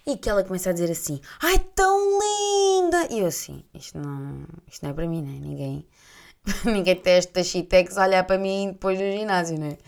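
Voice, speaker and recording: Podcast host, young woman, European Portuguese accent, lowish voice, animated anecdotes with laughter. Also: fairly quick, vocal fry. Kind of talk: casual storytelling chat.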